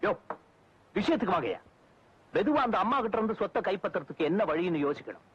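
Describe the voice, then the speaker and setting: A man playing a scheming manager who plots to grab a widow's property, speaking in a cunning, brisk way, from an old film soundtrack. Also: high voice, lively intonation, a bit bright, husky, exaggerated voice. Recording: dull old film audio with music.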